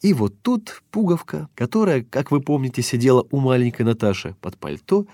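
A man narrating a children's story with an expressive, lilting read-aloud delivery. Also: mid-range voice, normal speed, no echo, clean studio sound.

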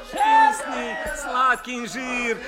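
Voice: high voice, wildly swooping pitch, very slow, heavily acted. An actor playing a market fig seller calling out his wares in a sing-song. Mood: hawking. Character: street fig seller hawking loudly. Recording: loud market crowd. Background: crowd and music.

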